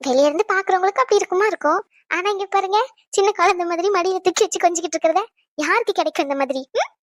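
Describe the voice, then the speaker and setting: Woman doing a high squeaky young cartoon wife, talks fast, coy and sweet. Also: dry recording, studio quality. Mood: playful. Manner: coy, chirpy, defends her husband. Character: young wife, doting and sweet on her husband. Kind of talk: cartoon dub acting.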